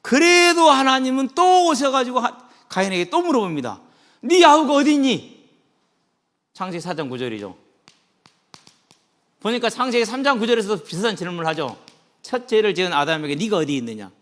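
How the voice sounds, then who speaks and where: A male pastor delivers an animated sermon, his delivery swinging from hushed and low to loud and high. His voice is high and bright, with a lively, rising and falling pitch. The sound carries a long reverb from the church hall. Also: fairly quick. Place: church sanctuary.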